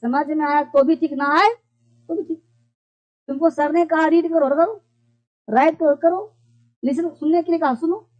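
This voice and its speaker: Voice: high voice, fairly even intonation, moderate pace, pauses often, a little mellow. A teacher giving a classroom-style lesson who keeps repeating points and asks and answers their own questions. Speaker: English teacher. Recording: dull lo-fi recording.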